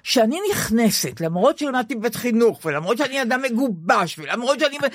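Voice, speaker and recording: Lively older woman, dry close voice. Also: fairly high pitch, dry recording. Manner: animated, self-mocking storyteller. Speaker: podcast co-host. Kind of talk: casual chat.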